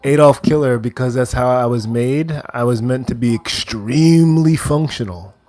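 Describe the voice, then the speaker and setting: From his indoor kitchen, a man from Wheaton, Illinois, hosts a relaxed livestream while cooking, reading viewer comments aloud and answering each in turn. He speaks easygoingly in a mid-range voice at normal speed.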